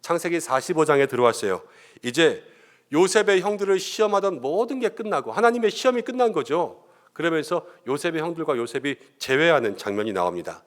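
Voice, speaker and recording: A middle-aged male pastor preaching a sermon, animated and acting out the quoted lines. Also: fairly high pitch, fairly quick. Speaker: senior pastor.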